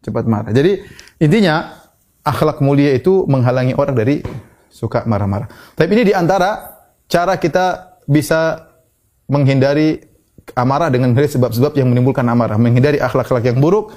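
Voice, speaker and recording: Preacher with a mellow voice. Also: male voice, mid-range voice, brisk. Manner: lively teaching, acts out quoted people, recites Quran verses. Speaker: Islamic preacher. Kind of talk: sermon.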